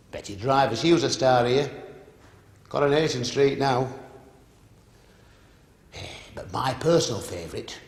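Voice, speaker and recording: An older man reminiscing nostalgically, with a wry, anecdotal way of talking. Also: a little high. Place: large old variety theatre indoors. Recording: echoey empty theatre hall.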